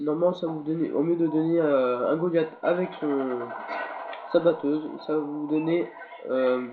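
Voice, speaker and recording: A slightly sick man rambles through casual gameplay commentary, stopping and restarting as he talks to his viewers. His voice sits a little high for a man. It comes through a tinny, phone-like capture with an echo and faint game sounds behind it. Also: a little hiss or hum. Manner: rambling, halting, talks to viewers while playing. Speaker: gaming video commentator.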